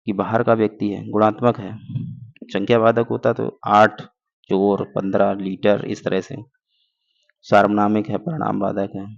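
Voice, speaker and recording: Man, teacher, exam-prep grammar lesson, gravelly voice, asks and answers his own questions, muffled recording. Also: on the low side, darkish tone. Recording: dull lo-fi recording.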